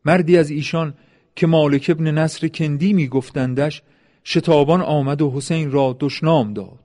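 A man reading a historical account as measured, solemn scripted narration. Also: fairly high pitch, warm tone.

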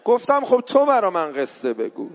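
A man's voice: high voice, sing-song. A man telling a mourning story as a sermon, voicing the people in it, then rising into a wailing chanted lament. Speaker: eulogist preacher.

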